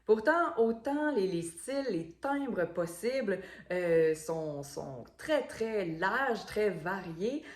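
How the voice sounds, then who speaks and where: A woman's voice: mid-range voice, expressive, slow, roomy sound. A woman, a voice coach explaining things in an instructional video, with frequent fillers and repeated words.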